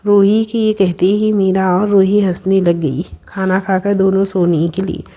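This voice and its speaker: Brief: woman storyteller, medium pitch, plain even reading of a storybook. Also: unhurried. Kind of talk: storybook narration.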